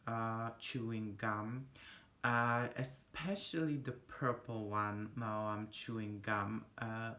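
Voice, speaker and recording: A young vlogger with a Polish accent talks slowly and unhurriedly, rambling and breaking off mid-thought. The sound is casual and close, caught on a phone held at arm's length in a small indoor room. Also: mid-range voice, fairly bright tone. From Poland. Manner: rambling, chatty, self-interrupting. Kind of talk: casual chat to camera. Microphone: phone camera at arm's length.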